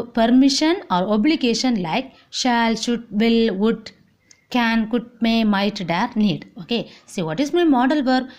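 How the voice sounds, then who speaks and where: Indian English woman teacher, lively high-ish voice, slow repetitive drilling. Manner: repetitive, drills words slowly, frequent "okay, see". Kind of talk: online classroom lesson.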